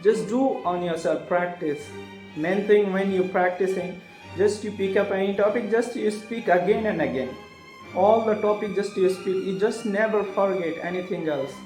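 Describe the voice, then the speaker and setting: A man talking earnestly in a halting vlog monologue, often restarting his phrases. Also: high voice, a little mellow. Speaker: vlogger. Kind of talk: casual motivational monologue. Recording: echoey room with faint music behind.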